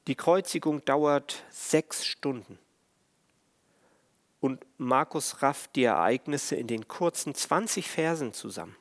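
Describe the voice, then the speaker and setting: Slow, solemn German preacher man. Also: mid-range voice, expressive. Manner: slow, measured, solemn delivery. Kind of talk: sermon on the stations of the cross.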